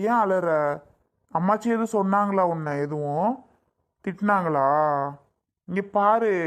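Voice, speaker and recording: A woman's voice: mid-range voice, close to an everyday voice. A woman playing an insistent, pleading young husband. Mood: anxious. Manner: pleading, repeats himself insistently. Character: eager young husband, anxious then overjoyed. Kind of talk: Tamil family skit acting.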